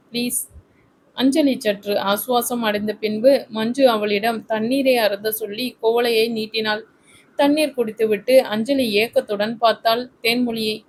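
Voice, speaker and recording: A woman narrating a romantic family story in a steady, literary storytelling manner. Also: on the high side, slight background noise, rough recording.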